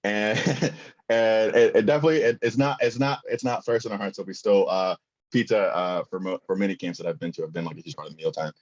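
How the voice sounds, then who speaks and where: A man's voice: lowish voice, quick pace, highs cut off. A young man presenting a conference workshop, talking casually with many fillers and asking the audience questions.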